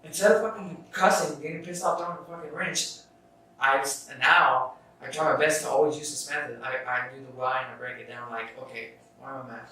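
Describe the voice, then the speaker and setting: On his casual self-help podcast, the young male host speaks briskly at a medium pitch, his tone steady but sharp. He rambles, restarts, and swears in passing, and the recording comes from an echoey room far from the microphone, with a faint noise underneath.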